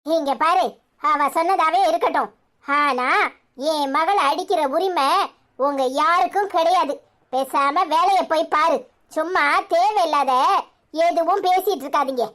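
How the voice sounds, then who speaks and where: A defiant young daughter-in-law in a cartoon serial, as a woman acts her out, with a high voice and a Tirunelveli Tamil accent. She speaks firmly and reproachfully. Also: unhurried, fairly bright tone. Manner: firm and reproachful.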